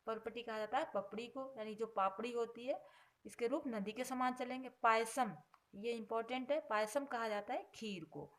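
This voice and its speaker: A woman teaching a vocabulary lesson. She explains patiently, repeating each word before its meaning, and stresses each headword louder before dropping low on the grammar note. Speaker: Sanskrit teacher.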